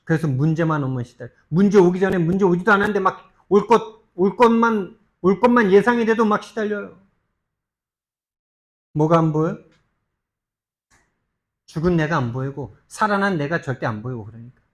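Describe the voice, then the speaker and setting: Emphatic Korean pastor preaching. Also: male voice, sits high, normal speed, long pauses. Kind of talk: sermon. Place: church sanctuary.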